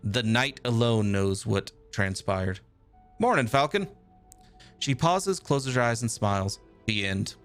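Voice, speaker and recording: Streamer guy reading out the game text, low steady voice, faint music in the back. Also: measured pace, few pauses, clean tone.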